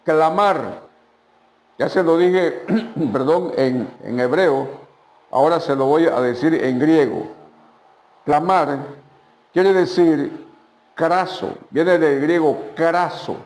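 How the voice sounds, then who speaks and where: A pastor preaches a sermon in a somewhat high voice, emphatic and repetitive, turning often to his listeners. His voice echoes through a church hall. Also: takes it slowly, long pauses, a little mellow.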